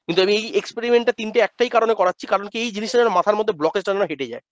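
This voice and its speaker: Male math tutor, high voice, lecture delivery, talks back to himself in students' voice, dull close recording. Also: no room sound. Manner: asks and answers his own questions in students' voice; drills pronunciation slowly, then speeds up. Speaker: math teacher. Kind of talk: classroom lecture. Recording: dull lo-fi dry sound.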